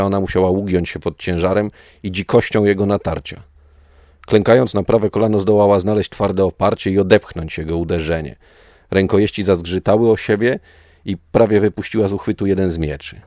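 Male narrator, very deep voice, dry close sound, dramatic steady reading. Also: dry recording.

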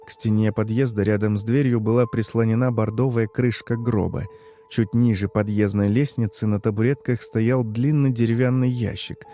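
A man's voice: medium pitch, mellow. A man in the role of a taxi driver, telling a horror story in a conversational, confiding way. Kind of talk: scripted horror narration.

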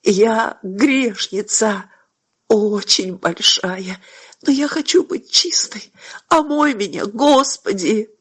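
Remorseful mother, hushed and breathy, a woman reading her in a storybook. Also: mid-range voice, slow pace. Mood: prayerful. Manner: soft, breathy, close to a whisper. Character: troubled mother, remorseful and tearful.

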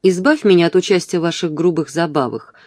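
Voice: medium pitch, quick pace, a little mellow, no echo, studio quality, lightly acted. A reader voicing a haughty lady who answers coldly and aloofly. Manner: cold, aloof.

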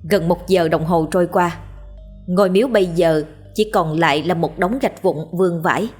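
A woman narrating a ghost story in a steady, measured way. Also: fairly low pitch, breathy edge. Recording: faint background music.

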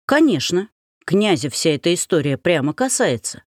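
A woman reading an audiobook, voicing a calm, hoarse police chief who speaks almost apologetically. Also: lowish voice, normal speed, no room sound, clean studio sound.

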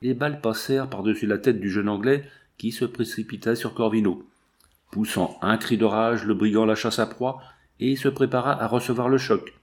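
Low-voiced male audiobook narrator. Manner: steady, measured storytelling.

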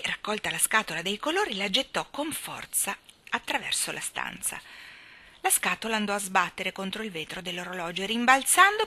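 A woman reading a children's storybook aloud in an expressive way, at moments dropping to a whisper. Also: mid-range voice. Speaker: audiobook reader. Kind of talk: storybook narration.

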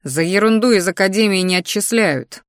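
A woman's voice: mid-range voice, moderate pace, no echo, studio quality, natural voice. A woman voicing a stern young male mage who talks to his family in a growling, sarcastic way.

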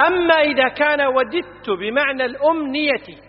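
A man's voice: extremely high pitch, fairly quick. A man giving a classroom lecture on classical grammar, explaining word forms and quizzing his students. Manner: explanatory, quizzing students, stresses vowel patterns. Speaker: Arabic grammar teacher. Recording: dull lo-fi audio with long hall reverb.

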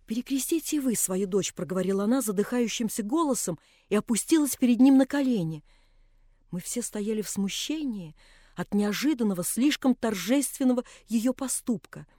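A woman reading a literary novel aloud as an audiobook narrator, in a measured, expressive way. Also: on the high side, dry recording, studio quality.

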